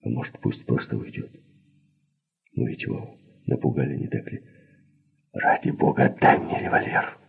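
A man reading aloud, voicing a frightened young woman who presses her partner to act, in an urgent, husky whisper. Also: extremely low pitch, steady tone, moderate pace, long pauses, voice pushed down, full character voice. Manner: whispered, pleading, insistent. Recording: narrow phone-like sound.

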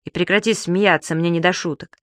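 A narrator voicing a fussy, indignant middle-aged gentleman in an audiobook reading. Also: mid-range voice, steady tone, a little fast, no echo, clean studio sound, lightly acted. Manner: indignant, grumbling.

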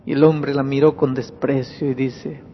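A man preaching as a pastor, telling a story dramatically, dropping to a hush and rising to shouts as he acts out the people in it. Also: medium pitch, level tone, a little slow, slight background noise. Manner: dramatic, swings from hushed to shouted when quoting. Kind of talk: sermon storytelling. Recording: echoey hall, dull lo-fi sound.

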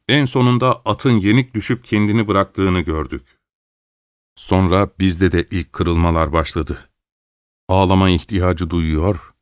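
A man narrates a literary story in a low, resonant, clean voice, measured and dramatic, raising it when he quotes other people. He is recorded on a close studio mic with a dry sound and no room echo. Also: smooth. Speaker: audiobook narrator.

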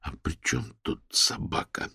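Audiobook figure: stern police major, read by a man, husky, hushed and terse. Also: slow, dry recording, studio quality, exaggerated voice. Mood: cold anger. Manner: low, quiet and clipped. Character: grim police major, quietly furious.

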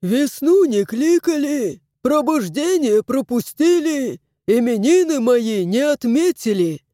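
A cranky little bearded house spirit, put on by a woman reading aloud grumbles in old-fashioned phrases. The voice is mellow and unhurried, and the pitch moves a lot. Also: very animated, no echo, studio quality, heavily acted. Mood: grumbling. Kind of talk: audiobook character voice.

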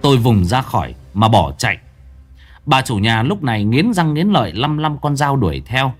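A man reading a ghost story in the first person, his pitch swinging lively and dramatic through the telling. Soft music plays faintly beneath his voice. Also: normal speed.

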